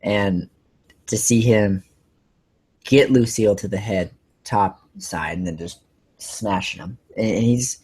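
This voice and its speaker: A man with a fairly low, husky voice chats on a casual podcast. He rambles, gets excited, and restarts his sentences often. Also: slow pace, pauses often. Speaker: podcast host.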